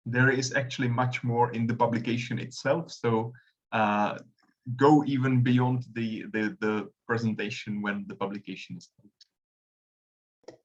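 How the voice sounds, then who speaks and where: A man's voice: medium pitch, steady tone, measured pace, dull audio. A man from the Republic, speaking hesitantly with many fillers as a panelist in a webinar discussion. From Czech Republic.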